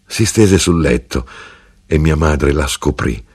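A man narrating an audiobook of literary fiction, unhurried and expressive. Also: very deep voice, husky.

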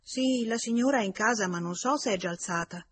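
A woman reading aloud, voicing a young housemaid giving a quick, matter-of-fact answer. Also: fairly high pitch, slight background noise, pitched above the performer's own voice, close to an everyday voice.

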